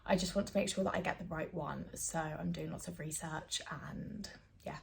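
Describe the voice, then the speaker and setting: A woman's voice: sits low, fairly even intonation, moderate pace, creaky, slight background noise. A woman, chatting casually to her phone camera at home with plenty of fillers and giggles. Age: 20s. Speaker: vlogger.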